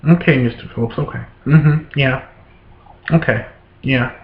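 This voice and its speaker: A man voicing a dismissive female clerk at a child support office, speaking flatly and offhandedly. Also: medium pitch, unhurried, pitched below the performer's own voice, close to an everyday voice. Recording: roomy, dull lo-fi room sound.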